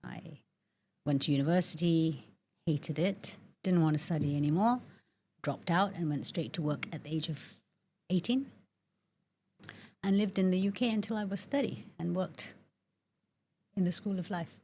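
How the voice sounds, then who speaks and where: Middle-aged woman guest from Malaysia, low-pitched, reflective and storytelling. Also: normal speed, long pauses, a little mellow, slight background noise. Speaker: guest, nervous system coach. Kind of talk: casual interview conversation.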